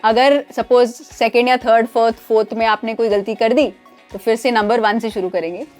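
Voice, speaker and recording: A woman's voice: on the high side, fairly even intonation, moderate pace, a little mellow, soft background music. A woman hosting a casual show, mixing English phrases into her Hindi and running guests through games. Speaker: show host.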